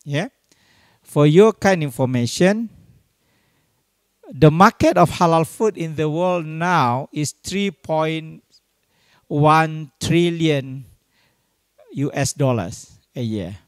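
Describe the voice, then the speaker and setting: A man's voice: on the high side, expressive, no echo, studio quality. A middle-aged man from Indonesia, giving an academic lecture as guest speaker and often tagging his points with "yeah". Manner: unhurried, tags points with "yeah".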